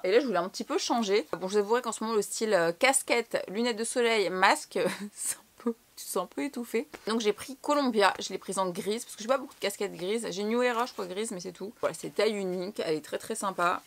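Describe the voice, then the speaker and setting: A young woman from France chatting casually through a clothing haul, slangy and swearing now and then. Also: medium pitch. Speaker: fashion vlogger.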